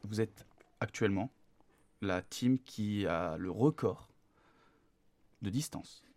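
A man's voice: fairly low pitch, slow pace, darkish tone, no echo, clean studio sound. A man hosting a casual interview, asking questions in informal, slangy language. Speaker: interview host.

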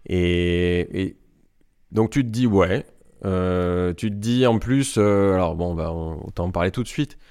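Deep-voiced man with a Marseille accent. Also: unhurried, darkish tone, clear, resonant tone, no room sound, clean studio sound. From Marseille, France. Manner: rambling storytelling with many restarts. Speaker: guest entrepreneur. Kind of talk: casual podcast interview.

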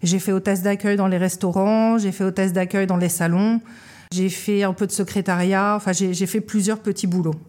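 A woman's voice: medium pitch, little pitch movement, a little fast, a little mellow. A woman in her thirties from Paris, a guest telling her story in a casual interview, hesitant, with many fillers and restarts, a little tired. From Paris, France. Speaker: guest, love-shop co-owner. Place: small shop.

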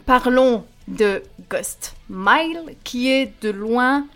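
A woman's voice: on the high side, very slow, fairly bright tone. A woman co-hosting a casual podcast, reviewing music with playful enthusiasm and frequent laughs.

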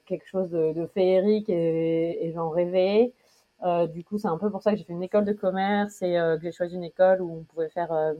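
A woman in her thirties from France chats through an interview on a dull, lo-fi recording. Her voice sits a little low. She hesitates often and breaks into laughter. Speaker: interview guest. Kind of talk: casual conversational interview. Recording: dull lo-fi sound.

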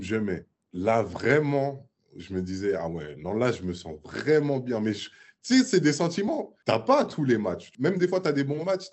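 A young man in his twenties, a guest in a casual interview, telling a story in a lively way with sound effects and many fillers. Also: medium pitch, husky. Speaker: guest basketball player.

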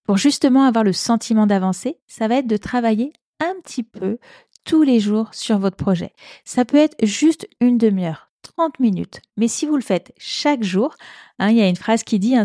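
A woman's voice: medium pitch, dark tone, dry recording, studio quality. A woman hosting a career advice podcast, talking in a conversational coaching way with frequent little fillers. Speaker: podcast host.

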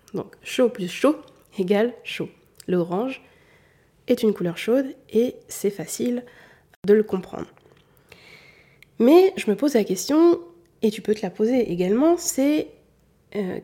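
A woman with a warm, mellow and slightly husky voice gives a patient lesson, speaking straight to the viewer. She comes from southern France and keeps only a faint trace of a southern French accent. She often circles back to repeat her main points. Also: mid-range voice. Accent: southern French, mostly hidden. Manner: patient, addresses the listener directly, repeats key points. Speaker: colour analysis consultant. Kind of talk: explanatory talk to the viewer.

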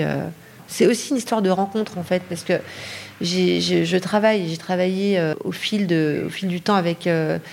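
A middle-aged woman from Paris speaks as a guest on an interview podcast. She is hesitant, with frequent fillers and self-corrections. Her voice sits slightly lower than most women's. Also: gravelly, a little mellow. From Paris, France. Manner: hesitant, many fillers and restarts. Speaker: lighting designer, guest.

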